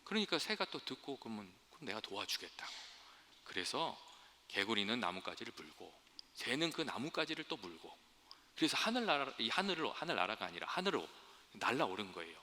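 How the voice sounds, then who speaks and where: A man's voice: mid-range voice, big pitch swings, brisk, bright, forceful tone. A male pastor giving a sermon in a church, talking earnestly to the congregation and telling a fable along the way. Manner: earnest, storytelling, addresses congregation directly. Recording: long hall reverb.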